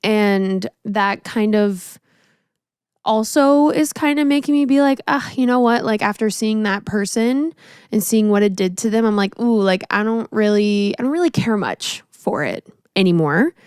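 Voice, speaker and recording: A woman in her late twenties chats casually as a podcast co-host, reflective and relaxed, with lots of fillers. Her voice is smooth and clear. The sound is dry and close. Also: medium pitch, moderate pace, no echo. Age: 20s. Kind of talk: casual chat.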